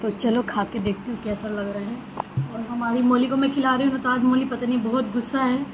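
A woman's voice: on the high side, little pitch movement, fairly quick, background noise. A young woman chatting casually in a home vlog, rambling fondly about her pet bird. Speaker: vlogger. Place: home, indoors.

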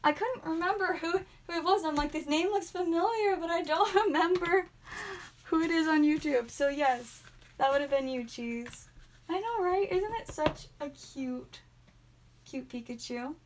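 A young woman with a high voice talks casually to her live stream audience from a small room at home. She is chatty and upbeat, reading out each card as she pulls it, with sudden excited bursts. A faint hiss sits behind her voice. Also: measured pace. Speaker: live stream host opening card packs.

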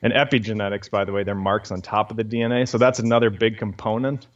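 A fairly low-voiced man who explains science patiently and steadily, dropping in lots of small fillers as he goes. The audio sounds a bit dull and lo-fi. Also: flat delivery, fast talker. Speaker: guest scientist. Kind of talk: explanatory interview talk.

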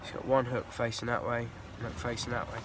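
A young male angler with a bunged-up nose, calmly explaining how he baits a hook on a beach at night. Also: mid-range voice, a little fast. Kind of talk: casual how-to demonstration. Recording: noisy outdoor night beach.

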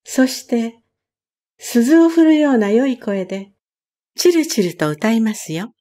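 A woman reading a storybook aloud and voicing a proud, chirpy mother songbird in a lifted, gently boastful voice. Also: fairly high pitch, very animated, a little slow.

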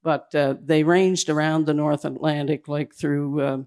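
A man giving a slide presentation at a public event indoors, talking in a hurried, halting way that keeps restarting its phrases. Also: fairly high pitch, steady tone, darkish tone, smooth. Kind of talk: slide presentation to a live audience.

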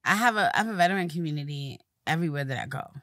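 A woman's voice: deep voice, rapid-fire, dry recording. Brief: woman guest, light lisp, easygoing interview chat, dry close sound. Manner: relaxed, conversational, fillers like "you know". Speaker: guest, publicist. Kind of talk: casual interview conversation.

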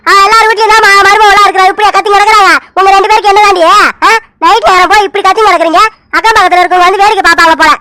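A woman voicing an exasperated older mother-in-law who scolds her quarrelling daughters-in-law in an animated family drama. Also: extremely high pitch, very fast, few pauses, noisy background. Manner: stern, exasperated.

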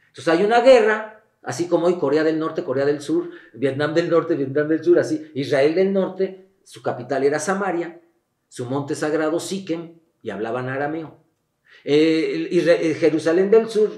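Interviewed as an expert guest on sexuality and the Bible, a man lays out his points in a blunt, emphatic, teacherly way. He has a slightly high, somewhat dark voice, recorded in an echoing room.

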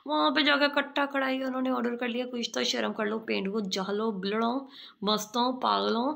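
A woman's voice: on the high side, fairly even intonation, fairly quick, vocal fry, fairly bright tone. A young woman, talking into a phone at arm's length in a small room, mocking and scolding in a sarcastic commentary vlog. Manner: sarcastic, scolding, name-calling. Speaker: vlogger.

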